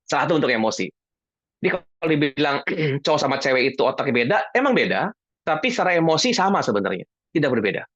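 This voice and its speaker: A man's voice: on the high side, big pitch swings, quick pace, a bit bright, no echo. A man answering audience questions about emotions in a casual, jokey way, acting out little dialogues. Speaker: guest speaker on emotions. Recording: dull lo-fi online talk audio.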